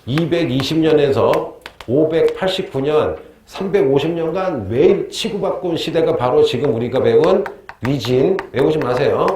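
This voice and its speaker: A man's voice: on the high side, dark tone, echoey room, a little hiss or hum. A middle-aged man teaching a history class, quizzing his students and joking and laughing with them as he lectures.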